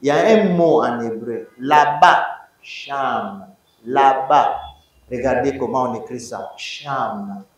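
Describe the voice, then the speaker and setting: A man's voice: medium pitch, slow pace. A man lecturing at university, emphatic, repeating words and quizzing his students. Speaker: Hebrew teacher. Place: large echoey classroom. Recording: echoey room, distant mic.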